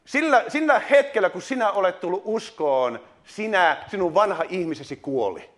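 A man's voice: high voice, animated, fairly bright tone. A middle-aged man preaching a sermon, emphatic, with sudden rising exclamations and frequent hesitation fillers.

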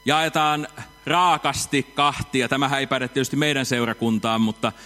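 A man preaching a sermon in a church hall, rhetorical and ironic, dropping to a hush and then rising loud. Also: medium pitch, fairly even intonation, faint music behind. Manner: rhetorical, ironic, swinging between hushed and loud. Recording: reverberant hall.

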